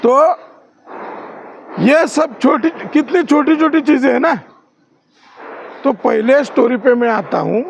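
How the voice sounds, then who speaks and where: A man's voice: very high-pitched, gravelly, slight background noise. A man training security guards in class, quizzing the trainees with questions and showing rude and polite ways to talk.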